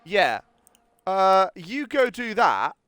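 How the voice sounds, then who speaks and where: A man giving excitable, chatty live commentary on a sim race. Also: sits high, takes it slowly, clean tone, dry recording. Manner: excitable, exclaims at contact, chatty.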